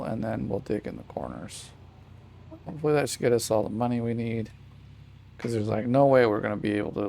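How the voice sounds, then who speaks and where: A man's voice: medium pitch, vocal fry, mellow. A man casually commenting on his gameplay at his home desk, rambling and correcting himself, with a small child beside him. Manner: rambling, self-correcting, chatty asides to a child. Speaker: gaming channel host.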